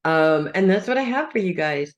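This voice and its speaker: A mid-pitched voice reading weekly horoscopes in a relaxed, chatty way. It checks in with listeners as it goes and slips in dry, sarcastic asides. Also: normal speed. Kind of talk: casual spoken horoscope reading.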